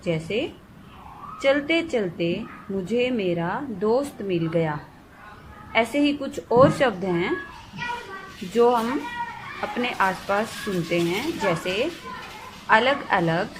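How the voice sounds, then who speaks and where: A woman's voice: medium pitch, a bit bright, slight background noise. A woman teaching a primary school class, asking and answering simple questions and explaining words one by one. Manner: slow, deliberate, explains word by word to children. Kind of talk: slow classroom lesson for young children.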